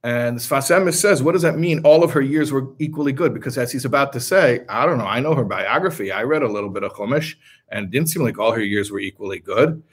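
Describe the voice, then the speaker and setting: A man's voice: mid-range voice, animated, fast talker, slightly rough. A man teaching a religious text to a class, talking in short bursts and stopping to explain each term. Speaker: Torah teacher.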